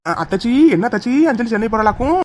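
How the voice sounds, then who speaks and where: A woman voicing a cheeky, sharp-tongued aunt. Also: on the high side, slight background noise, natural voice. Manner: cheeky, scolding, quick. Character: sharp-tongued village aunt teasing her mother-in-law. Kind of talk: cartoon voice acting.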